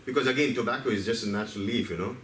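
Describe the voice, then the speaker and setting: An Indian man gives a seminar talk in a meeting hall, speaking very fast in a mid-range, fairly bright voice. He tells stories to the live audience, asks them questions, and acts out his cells. The recording catches him from a distance in a roomy hall, with faint ambience and a little hiss or hum.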